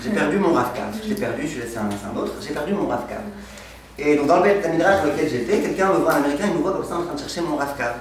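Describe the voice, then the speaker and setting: A rabbi gives a lively class, bouncing questions off his students and weaving in funny stories. His voice sits a little high for a man. It rings around a reverberant room, picked up from some distance away, with a faint hiss behind it. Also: very fast. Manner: asks the class questions and answers them, tells anecdotes. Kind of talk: lively Torah lesson with humor. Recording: echoey room, mic far off.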